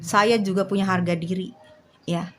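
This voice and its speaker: A woman's voice: mid-range voice, steady tone, moderate pace, slight background noise. A woman, livestreaming and talking bluntly and directly to her viewers. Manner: blunt, slangy, speaks straight to her viewers. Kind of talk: live stream chat.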